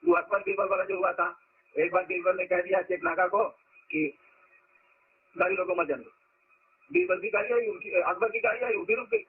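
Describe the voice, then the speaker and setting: A man's voice: high-pitched, brisk, phone-quality sound, a little hiss or hum. A man giving an informal spiritual discourse as a teacher, talking conversationally and asking rhetorical questions.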